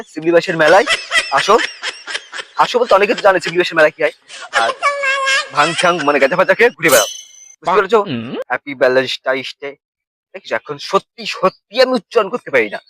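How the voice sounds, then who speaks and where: A man's voice: a little high, pushed and bright, a little hiss or hum. A young man with a Bengali accent who rambles through a comic monologue, fumbling his words and slipping into sing-song lines and mock wailing. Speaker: comedy vlogger.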